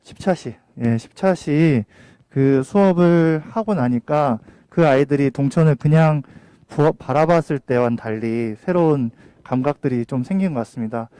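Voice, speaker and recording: Male moderator, mellow voice, halting delivery, introduces a speaker. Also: fairly high pitch, smooth, no room sound. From South Korea. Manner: halting, with self-corrections. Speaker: event moderator.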